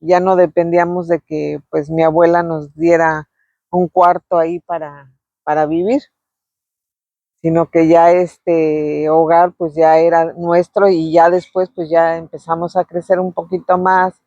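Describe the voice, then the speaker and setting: A middle-aged woman, fondly telling memories of her youth in a casual, unhurried way, pausing often on filler words. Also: on the low side, level tone, dark tone, no room sound, muffled recording. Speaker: vlogger sharing memories. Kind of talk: casual reminiscing storytelling.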